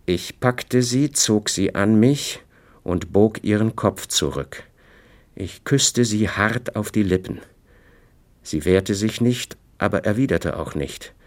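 A man reading a novel aloud in the first person, with measured, dry storytelling. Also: lowish voice, animated. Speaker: audiobook narrator. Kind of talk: scripted first-person narration.

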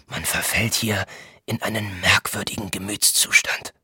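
A man voicing an anxious man who confides in hushed, urgent whispers, in an audiobook reading. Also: medium pitch, lively intonation, normal speed, slightly rough, dry recording, studio quality, voice pushed up, heavily acted. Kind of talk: audiobook character voice.

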